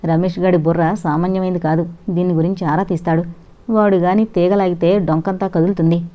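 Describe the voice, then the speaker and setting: A woman's voice: lowish voice, fairly even intonation, fairly quick, close to an everyday voice. A woman voicing a cautious, affectionate middle-aged father who speaks to his wife, on a dull lo-fi recording. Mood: urgent.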